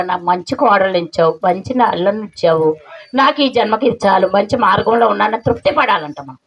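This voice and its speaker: A woman's voice: mid-range voice, slightly rough. A middle-aged woman giving a spiritual meditation class in an earnest, preaching way, full of rhetorical questions. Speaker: meditation teacher. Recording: dull lo-fi recording, faint noise.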